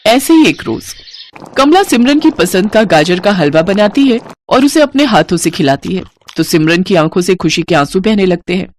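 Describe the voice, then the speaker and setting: A woman narrating a horror story in an even, expressive storytelling way. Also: mid-range voice, moderate pace.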